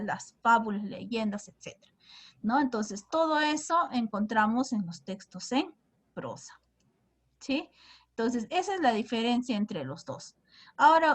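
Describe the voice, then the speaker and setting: Higher-voiced woman teaching a class. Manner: keeps asking the class questions. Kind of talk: classroom lesson.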